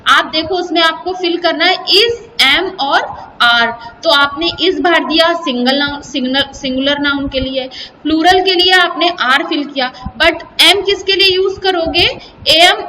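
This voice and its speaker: A woman's voice: sits high, pushed and bright, in a large hall, distant mic, a little hiss or hum, poor audio. An Indian woman teacher with an Indian accent, explaining a children's English exercise step by step and spelling out words. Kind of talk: recorded video lesson in Hindi and English.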